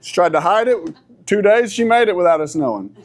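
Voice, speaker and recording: A man in his forties, a church class teacher, telling stories in a joking, animated way. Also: sits high, brisk. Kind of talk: casual talk.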